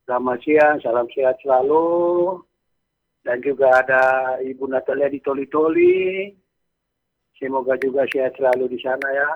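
A man's voice: medium pitch, big pitch swings, moderate pace, gravelly, long pauses. A man calling in to a radio show, his voice breaking up and distorted over the phone line, giving short polite replies and greetings. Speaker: radio call-in listener.

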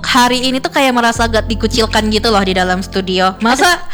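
A young woman hosts a radio show from a studio, chatting casually and giggling, with plenty of fillers. Her voice is a little high and fairly bright, her pace fairly quick, and faint music plays behind her.

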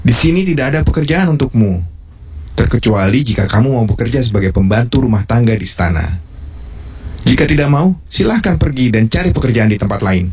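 A man's voice: mid-range voice, animated, brisk, a little mellow, breathy edge. A man playing a stern, dismissive king in a historical drama, with an imperious, declamatory delivery. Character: stern, dismissive adult male king in his palace. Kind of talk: Indonesian historical drama dialogue.

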